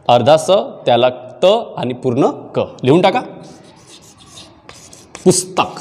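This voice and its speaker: A man teaches a spelling lesson, drawing words out syllable by syllable. His voice sits a little high and swings widely in pitch. It rings with a long reverb, as in a hall. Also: a little mellow. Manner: repeats words slowly, syllable by syllable; mixes in Marathi phrases.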